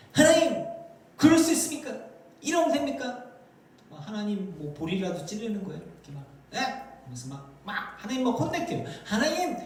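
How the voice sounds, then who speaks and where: A man's voice: high voice, warm tone. A male pastor preaching a sermon, acting out complaining prayers in a raised voice. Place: church sanctuary. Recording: echoey church from a distance.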